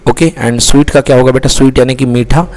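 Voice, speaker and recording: A male teacher giving a lesson in Hindi mixed with English, who asks his own questions and then answers them. His voice sits at a middle pitch. A long reverb hangs behind his voice. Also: fairly even intonation, fast, darkish tone. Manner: asks questions and answers them himself, calls listeners beta.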